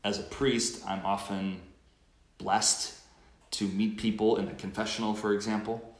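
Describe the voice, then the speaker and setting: A man with a fairly low voice speaks as a priest at Mass. His delivery is reflective, and the sound rings with a cathedral-like church echo. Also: little pitch movement, measured pace. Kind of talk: Mass Gospel reading and homily.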